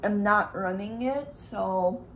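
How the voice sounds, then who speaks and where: A TV murmurs faintly behind a young woman filming a casual mukbang vlog at home, where she makes chocolate milk and cuts pizza while rambling to viewers. Her mid-range voice takes its time, with slight background noise.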